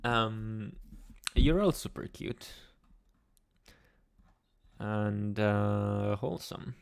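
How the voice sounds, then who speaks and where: A man's voice: lowish voice, very slow, gravelly, smooth. A man hosting a casual livestream, reading chat messages aloud and answering them in a chatty, rambling way with frequent laughs. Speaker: ASMR livestream host.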